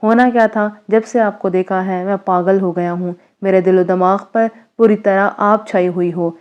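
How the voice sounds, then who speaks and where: A woman's voice: medium pitch, fairly even intonation, clear, resonant tone, highs cut off, close to an everyday voice. A woman voicing a crude, threatening young man who blackmails a girl, read in her own voice in a spoken story. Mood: pushy. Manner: threatening, sneering.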